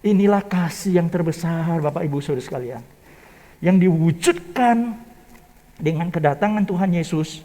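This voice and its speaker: A man preaching a Christmas sermon in church, telling a story in low hushed tones and rising to loud climaxes, with questions to the congregation. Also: normal speed. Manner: asks the congregation rhetorical questions. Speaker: pastor.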